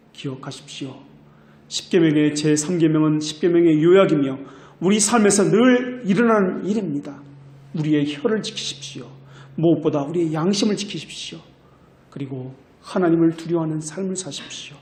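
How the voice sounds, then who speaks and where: A man's voice: on the high side, brisk, darkish tone, echoey room. A male pastor preaching a sermon with earnest exhortation. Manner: earnest exhortation, quotes people in a mocking voice. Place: church.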